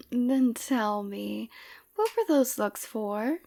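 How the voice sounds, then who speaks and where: This casting call seeks a woman to play a seductive villainess in an ASMR roleplay, delivering her lines softly, breathily and close to the mic with a dark tone and a coy, teasing edge. Her pitch should be fairly high, the pace extremely slow, and the performance heavily acted.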